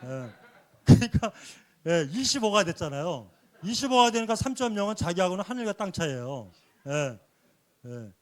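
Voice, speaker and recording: A man giving a sermon-like church lecture, earnestly explaining points and dropping a soft affirming "yes" between phrases. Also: high-pitched, very animated, moderate pace. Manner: earnest, explanatory teaching with rhetorical questions.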